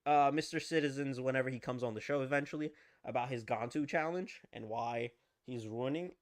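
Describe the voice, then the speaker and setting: A young adult live-stream host in casual chat with viewers, playful and animated, often repeating short phrases. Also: mid-range voice, fairly quick. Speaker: livestream host.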